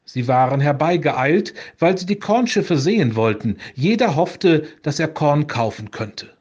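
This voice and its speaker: A pastor reading a saint's legend aloud for a radio show, calm and measured. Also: male voice, a little high, dull audio.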